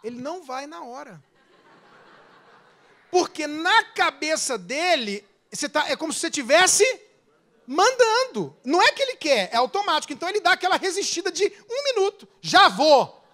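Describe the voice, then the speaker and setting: A man with a Brazilian accent, a pastor preaching a sermon with animated delivery, swelling loud then dropping into quick asides. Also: very high-pitched.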